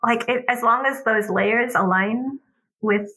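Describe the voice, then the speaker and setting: Bright-voiced mother telling family stories. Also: on the high side, a little hiss or hum, poor audio. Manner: acts out family exchanges in quick changes of voice; laughs often while telling stories. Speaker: podcast guest. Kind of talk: casual conversation.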